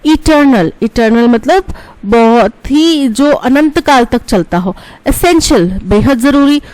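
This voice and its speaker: Bright-voiced woman teaching English. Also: a little high, animated, dry recording, rough recording. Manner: explains word meanings in Hindi, reads English questions slowly. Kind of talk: exam-prep lesson explaining answers.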